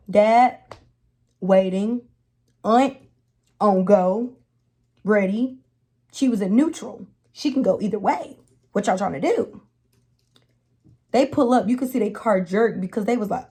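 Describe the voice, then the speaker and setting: A young woman telling a personal story in a casual, slangy, dramatic way as a vlogger. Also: mid-range voice. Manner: animated, slangy, dramatic retelling.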